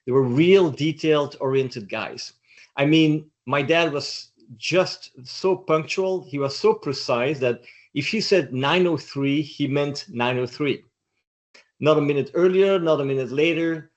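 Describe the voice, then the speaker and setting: In a relaxed interview, a Belgian doctoral student in middle age answers in a thoughtful, reflective manner. His voice sits on the high side and moves a little slowly.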